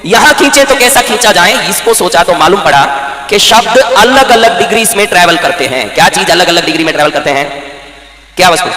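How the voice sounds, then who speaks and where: A man's voice: high-pitched, bright, forceful tone. A man preaching a sermon to a live audience, firing rhetorical questions at them and ordering them to respond. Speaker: spiritual preacher. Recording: echoey hall reverb.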